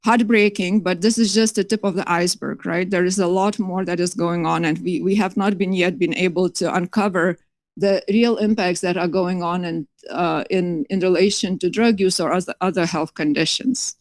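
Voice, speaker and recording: Presenting at an academic conference in a hall, a middle-aged woman from Lithuania speaks earnestly, often using fillers and starting over. Her lowish voice holds a steady tone at a moderate pace in a dry recording.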